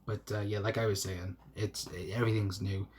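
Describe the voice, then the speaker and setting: Speaking into his phone mic, a young South Welsh man rambles through a casual football live stream, reading out comments, halting, restarting and laughing. He has a lowish, slightly mellow voice and a flat delivery. There's slight background noise.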